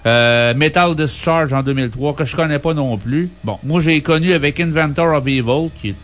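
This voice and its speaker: A man's voice: fairly high pitch, normal speed, a bit bright. A man with a Quebec French accent co-hosting a music show, reviewing albums casually with an informal, wry, joking manner.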